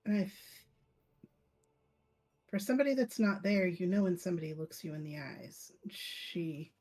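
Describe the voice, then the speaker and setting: A woman playing a tabletop game, speaking in a hesitant, halting way. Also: fairly low pitch, lively intonation, darkish tone. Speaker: player. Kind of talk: casual tabletop game chat.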